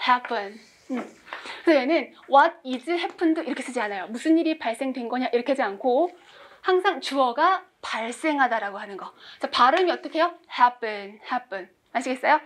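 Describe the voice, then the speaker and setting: A woman's voice: sits high, lively intonation, normal speed, fairly bright tone, a little hiss or hum. A woman in her forties teaching English vocabulary in class, quizzing students and making small jokes. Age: 40s. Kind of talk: classroom lecture.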